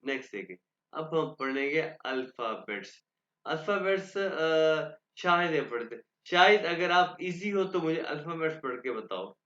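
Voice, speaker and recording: A man's voice: fairly high pitch, expressive, fairly bright tone, highs cut off. Man teaching German in an echoey online class. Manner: patient, repeats words slowly for pronunciation.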